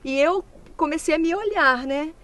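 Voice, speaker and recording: A woman with a high, bright-toned voice gives a church testimony in a sit-down interview. She tells her story vividly and slips into the voices of the people in it. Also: moderate pace. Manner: vivid storytelling, acting out quoted speech. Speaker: church member giving a testimony; mother.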